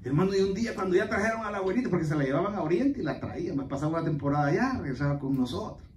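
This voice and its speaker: High-voiced preacher man in an echoey church. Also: rapid-fire, slight background noise. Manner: animated preaching with sudden loud exclamations; folksy storytelling to the congregation. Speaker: pastor. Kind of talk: Spanish-language church sermon. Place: church sanctuary. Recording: echoey church hall, mic at a distance.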